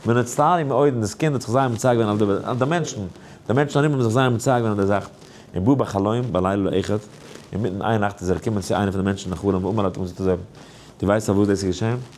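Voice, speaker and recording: A man, a rabbi, giving an animated Torah lesson in a sing-song way, now and then stretching phrases into a chant. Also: rapid-fire, a little hiss or hum. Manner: lively, swings high and low. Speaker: rabbi teaching a daily Torah class.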